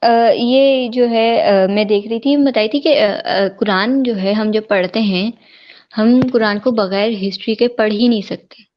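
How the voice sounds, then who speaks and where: A woman speaking as a guest over a live video call whose audio keeps breaking up and turning choppy. She talks haltingly, with many fillers and restarts. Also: fairly high pitch. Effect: breaking, choppy internet call audio. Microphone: remote internet call. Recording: dull, lo-fi online call.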